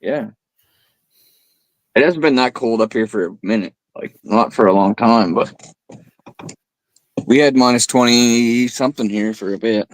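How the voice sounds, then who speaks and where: A man's voice: medium pitch, a little slow, pauses often, no echo, low-quality recording. A man in his late thirties chatting casually, laughing often and swearing freely. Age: 30s. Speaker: chat participant. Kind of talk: casual chat.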